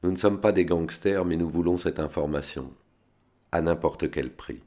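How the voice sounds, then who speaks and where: A composed spy who speaks coldly and without hurry, as a man reads his lines. His voice sits very deep, steady and measured. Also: lightly acted. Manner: cold, measured. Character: cold, composed male spy prince interrogator.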